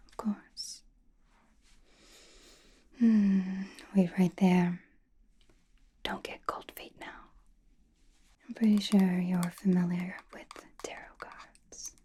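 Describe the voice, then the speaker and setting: A woman playing a confident, mysterious witch and fortune teller in an ASMR roleplay, whispering breathily in a slow, soothing way with musing pauses. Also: medium pitch, dark tone, breathy edge.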